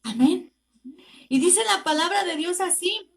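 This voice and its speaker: A woman with a Mexican Spanish accent preaches a fervent sermon in a very high voice. She speaks slowly and deliberately, with emphatic pauses. She often breaks in with words of praise. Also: lively intonation, vocal fry.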